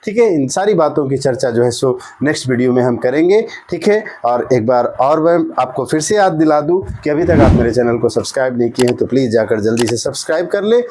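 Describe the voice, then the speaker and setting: A man explaining an English grammar lesson in a relaxed way, often asking a question and then answering it himself, with frequent "okay?" check-ins. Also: mid-range voice, background noise. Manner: repeats "ठीक है ना" often, asks and answers his own questions.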